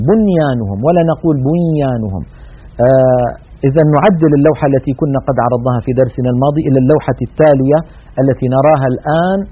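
Husky-voiced man teaching Quran recitation. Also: medium pitch. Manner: measured, explanatory, demonstrates recitation. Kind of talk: broadcast tajweed lesson. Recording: tinny band-limited broadcast audio.

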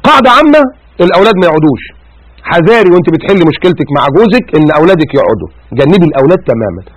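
A man with an Egyptian Arabic accent giving colloquial religious advice as a preacher, animated and full of rhetorical questions and repeated words for emphasis. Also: sits high, racing, dry recording.

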